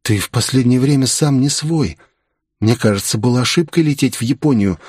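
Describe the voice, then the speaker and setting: A man's voice: medium pitch, a little fast, darkish tone, slightly rough, no room sound, clean studio sound, lightly acted. A man reading an audiobook voices a temperamental young woman who pleads and scolds. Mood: alarmed. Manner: pleading, then indignant.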